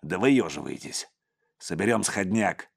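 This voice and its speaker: A man's voice: sits low, expressive, unhurried, creaky, slightly rough, heavily acted. A man voicing a sullen ex-convict gang enforcer who grumbles and mutters threats. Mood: vengeful.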